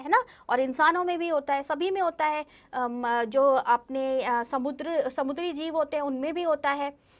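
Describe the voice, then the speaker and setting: Woman teacher, high voice, patient, repeats and quizzes kids, young. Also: a bit bright. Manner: patient, repeats herself, asks the children questions. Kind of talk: online class lesson.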